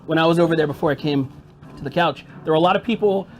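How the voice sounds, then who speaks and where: A man co-hosting a game stream in relaxed, chatty talk. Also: a little high, fast, soft background music. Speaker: player and co-host. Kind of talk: casual chat.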